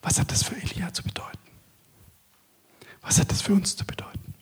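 A man preaching a sermon as a guest preacher. He alternates long stretches of hushed whisper with loud, measured declamation.

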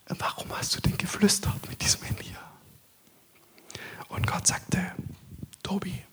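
Here a visiting preacher gives a sermon in which lengthy whispered passages give way to measured, loud declaiming.

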